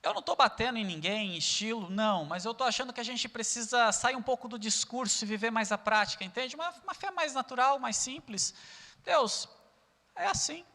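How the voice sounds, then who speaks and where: A man's voice: very high-pitched, fast talker, few pauses, bright, forceful tone, big-room sound. A Brazilian man preaching a sermon as pastor, earnest and full of rhetorical questions. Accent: Brazilian Portuguese.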